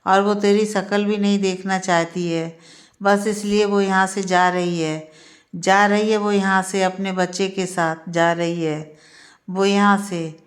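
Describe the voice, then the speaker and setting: A stern middle-aged mother who presses the same point again and again in a storybook tale, as a woman narrator voices her. The delivery is flat and level, middle in pitch, insistent and reproachful. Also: unhurried, close to an everyday voice. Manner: insistent, repeating claims.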